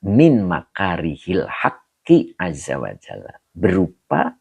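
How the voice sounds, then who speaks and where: A man teaching Arabic grammar in an online study session, relaxed and chuckling often, drawing out Arabic slowly. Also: low-pitched, gravelly, slightly rough, no echo. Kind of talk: online livestream lesson, reading comments.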